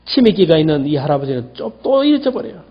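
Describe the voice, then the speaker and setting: High-pitched guy pastor preaching, repeats words for emphasis, loud then quiet, muffled recording. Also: sing-song, fast talker. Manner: emphatic, repeats key words, swings between loud and hushed. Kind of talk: sermon. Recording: dull lo-fi church recording.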